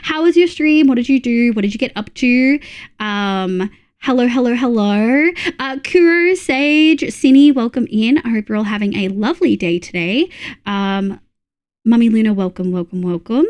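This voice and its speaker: A young woman with an Australian accent and a fairly high voice talks casually on a livestream. Her manner is cute and bubbly, in the style of an anime streamer, as she addresses her viewers with sweet familiarity. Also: normal speed, a little mellow, clean tone. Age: young adult. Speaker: VTuber streamer.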